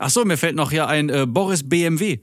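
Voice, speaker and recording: A man's voice: fairly high pitch, a little fast, no room sound. German guy rambling in a casual chat, keeps losing his thread, dry close mic. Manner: rambling, loses his thread, crude jokes.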